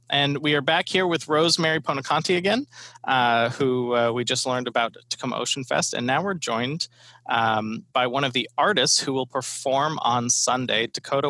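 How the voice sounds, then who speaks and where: A man hosting a podcast interview in a casual way, with halting, hesitant phrasing. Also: medium pitch, vocal fry, sharp tone, dry recording, rough recording. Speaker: podcast host.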